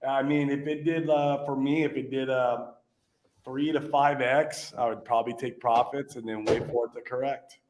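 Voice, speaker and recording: Easygoing man co-host, mid-pitched. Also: steady tone, normal speed, a little mellow. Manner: easygoing, laughs often. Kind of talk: casual chat.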